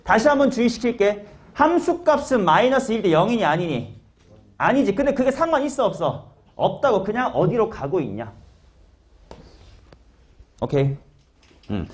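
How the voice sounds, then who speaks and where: A man's voice: high voice, sing-song, moderate pace, pauses often. A man teaching a math class, talking casually and quizzing students by name. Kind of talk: classroom lecture.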